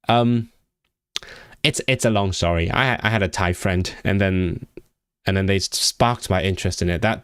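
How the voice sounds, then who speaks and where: Man from Hong Kong, non-southern English accent, lowish voice; loose, rambling livestream chat with lots of restarts. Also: clear, resonant tone, dry recording, studio quality. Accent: vague non-southern English. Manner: rambling, repeats and restarts words, jumps up in pitch when excited. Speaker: language-learning streamer. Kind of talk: casual livestream chat reading out comments.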